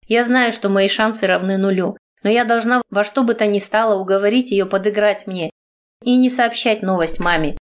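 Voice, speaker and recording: A woman narrates an audiobook in the first person. Her delivery is earnest and emotional, in a mid-pitched voice.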